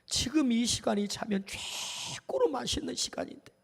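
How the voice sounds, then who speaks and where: In a church sanctuary thick with the long reverb of the hall, a male pastor preaches animatedly and fires questions straight at the congregation. His voice is extremely high, husky, and touched with vocal fry, at a normal speed.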